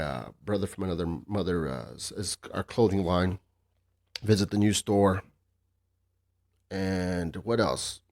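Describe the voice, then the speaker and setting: A man hosting a casual solo podcast, rambling and joking with heavy swearing and a sarcastic edge. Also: fairly low pitch. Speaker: podcast host.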